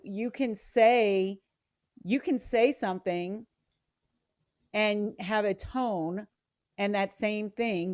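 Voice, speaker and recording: A woman hosts a relaxed conversation, explaining ideas and laughing easily between points. Her voice sits in a middle range. The recording is dry and close. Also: medium pitch, no echo. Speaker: podcast host. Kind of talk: casual chat.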